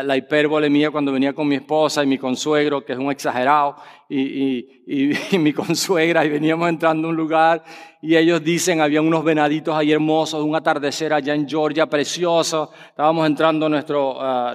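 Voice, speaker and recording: A man preaching a sermon, projecting his voice and asking the congregation rhetorical questions. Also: fairly high pitch. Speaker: pastor. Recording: long reverb of a church hall.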